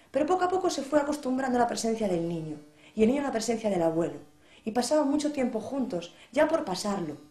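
A woman storyteller Galicia, telling a folk tale in a lively, expressive way. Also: on the high side. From Galicia, Spain. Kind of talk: oral storytelling. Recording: echoey room.

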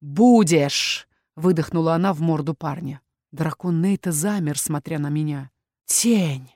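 Woman narrator, first-person fantasy romance, steady intimate read, dead-dry booth. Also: deep voice, moderate pace, dry recording. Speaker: audiobook narrator.

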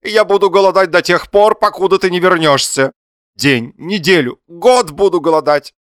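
A man voicing a pompous, self-pitying middle-aged husband who whines in a high, nasal, drawn-out declaiming voice. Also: lively intonation, fairly bright tone, clear, resonant tone, no echo, studio quality. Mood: theatrical lament.

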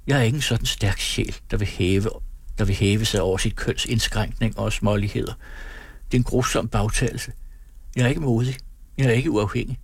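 A man's voice: lowish voice, fairly even intonation, vocal fry, husky, dry recording. A man voicing a proud but hurt young woman in a storybook, speaking in a trembling, pleading way.

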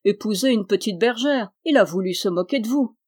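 A woman's voice: medium pitch, animated, a little fast, close to an everyday voice. A woman voicing a scornful peasant mother. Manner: scornful, sharp. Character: stern scolding peasant mother.

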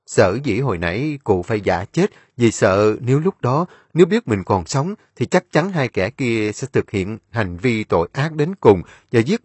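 Male narrator, husky, animated delivery, dry booth sound with soft music. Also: on the low side, no echo. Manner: dramatic storytelling. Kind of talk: scripted story narration.

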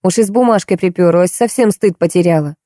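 A woman's voice: on the low side, quick pace, mellow, no echo, studio quality, lightly acted. A woman reading an audiobook, voicing a harsh, angry female housekeeper who scolds and snaps. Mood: scolding.

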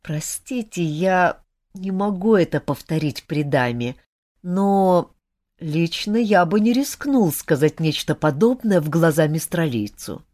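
A woman's voice: on the low side, expressive, a little slow, darkish tone. A woman voicing a shy, embarrassed young man who answers hesitantly and awkwardly.

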